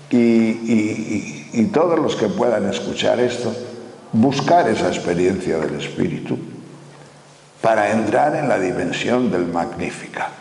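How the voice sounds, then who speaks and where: A man's voice: fairly low pitch, creaky, a little mellow. Man, 80s, sermon, earnest rhetorical questions, roomy reverberant recording. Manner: earnest, rhetorical questions, repeats words while searching. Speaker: preacher. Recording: echoey hall with long reverb.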